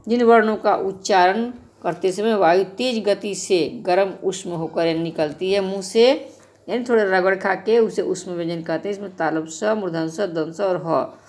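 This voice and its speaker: A middle-aged woman teaching a grammar lesson to schoolchildren. She talks slowly and explains each point step by step, speaking to the children directly. Her pitch sits in an ordinary middle range.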